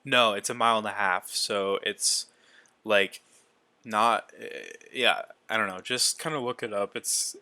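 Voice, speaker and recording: A man's voice: fairly low pitch, fairly even intonation, unhurried, sharp tone, clean tone. A man hosting a casual podcast, rambling loosely with lots of fillers. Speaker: podcast host. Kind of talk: casual chat about racing.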